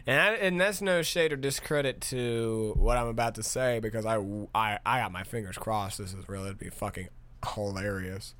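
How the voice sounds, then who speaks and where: A man's voice: mid-range voice, fairly bright tone, dry recording. A man in his thirties from Minnesota, hosting a podcast in a casual, profane, chuckling ramble. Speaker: podcast host.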